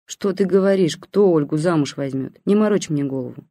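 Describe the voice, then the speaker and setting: A reader voicing an old grandmother who has gone deaf and calls out for her son with slow, drawn-out words. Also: mid-range voice, no room sound, studio quality, lightly acted. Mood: weary, stubborn. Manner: shouting, slow, dragged-out words. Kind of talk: audiobook character voice.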